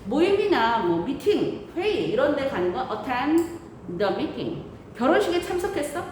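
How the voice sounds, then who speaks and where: A woman teacher speaks through a face mask in a very echoey room with clear background noise. Her voice moves up and down in a lively way as she explains the lesson, posing questions and answering them herself. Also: sits high, measured pace. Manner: didactic, often asking and answering her own questions. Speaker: English grammar teacher.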